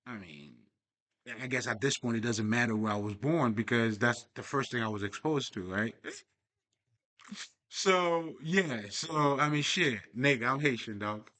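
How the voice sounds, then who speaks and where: A man's voice: medium pitch, expressive, a little slow, pushed and bright. A young man talking in a casual, profane, rambling monologue as a spiritual vlogger. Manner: profane, streetwise, digressive.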